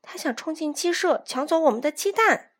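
A woman's voice: high-pitched, expressive, fairly quick, pitched above the performer's own voice. A woman doing a patient mother hen. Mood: explaining. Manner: patient, explaining.

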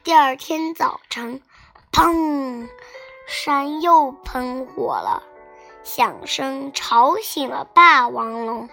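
A woman reads a children's bedtime story with a high, bright voice and a slight gravelly edge. Her delivery is soft, slow and sing-song. Gentle music plays beneath her. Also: very animated.

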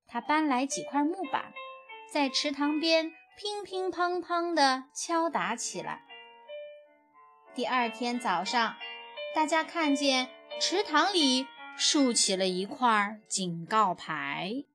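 A woman reading a children's picture book aloud in an expressive storytelling manner. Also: high-pitched, slow pace, soft background music.

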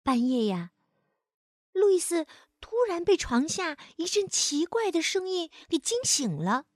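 A woman narrates a children's storybook with a high, sing-song voice that swoops up and down. She takes her time and draws out her sentence-final particles. The recording is close and dry. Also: big pitch swings, measured pace, dry recording.

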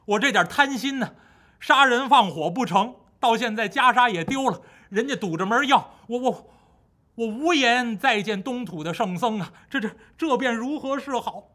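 A man's voice: very high-pitched, lively intonation, normal speed, pushed and bright, voice pushed up, exaggerated voice. A man voicing a greedy, older male abbot in a spoken folk tale, stammering and distraught. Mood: despairing. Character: greedy old male abbot, anguished and ashamed.

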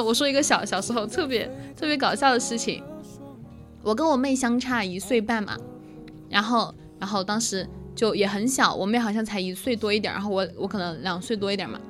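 A young woman co-hosting a casual chat stream, telling stories in a giggly, animated way with many restarts. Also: a little high. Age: young adult. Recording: music playing in the background.

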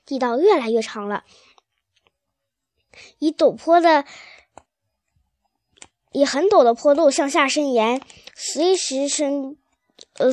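A woman's voice: sits high, no echo. A woman reading a children's storybook aloud, with occasional slips and restarts.

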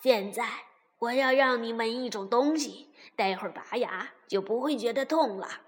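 A woman voicing a small, brisk male mouse dentist in a children's story who gives firm orders. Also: on the high side, lightly acted. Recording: long reverb.

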